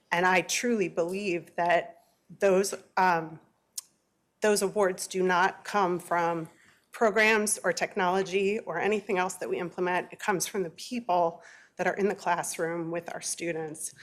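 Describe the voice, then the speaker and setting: Female, lowish pitch, earnest, measured, formal prepared remarks, public comment. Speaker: parent giving public comment. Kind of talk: prepared speech at a board meeting.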